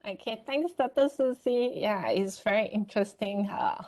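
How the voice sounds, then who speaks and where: A woman moderating an online webinar over a video call, thanking speakers and handing over with brisk, courteous transitions. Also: mid-range voice, a little mellow.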